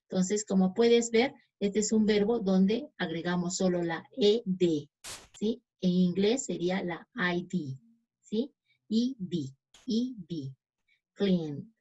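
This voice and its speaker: Woman, native Spanish speaker, unhurried English teacher who checks in often; muffled lo-fi recording. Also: medium pitch, mellow, breathy edge. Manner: slow, reads English examples deliberately, checks in with "¿sí?". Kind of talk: explaining grammar to students. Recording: dull lo-fi sound.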